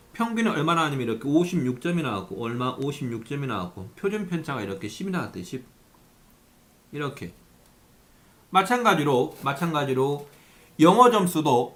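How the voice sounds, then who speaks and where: A man's voice: medium pitch, a bit bright. A man teaching a math lesson who keeps asking questions and answering them himself, sometimes speaking as his students. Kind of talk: lively lecture at a whiteboard.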